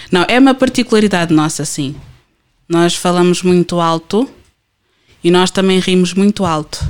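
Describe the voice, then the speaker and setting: A podcast guest, telling stories in an animated way with many fillers. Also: medium pitch, clear, resonant tone. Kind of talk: casual podcast chat.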